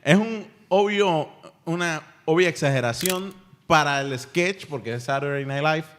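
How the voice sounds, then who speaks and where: A man hosting a casual language-learning podcast, energetic and often laughing. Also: on the high side, measured pace, a little hiss or hum. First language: Spanish. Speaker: podcast host.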